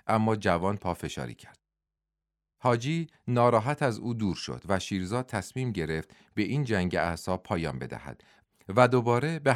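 A male narrator reads a novel in a steady storytelling voice. His pitch is low yet lively in its rise and fall. The recording is dry and close, with no room sound. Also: dry recording. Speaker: audiobook narrator. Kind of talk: scripted narration.

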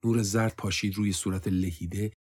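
A man with a husky voice giving a steady, sombre audiobook reading of a war story, lightly voicing the dialogue. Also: deep voice.

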